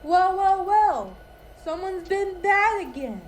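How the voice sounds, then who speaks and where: Woman as a very high-pitched smug villain train. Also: animated, slow, very noisy, heavily acted. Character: scheming villainous train in magical disguise, smug.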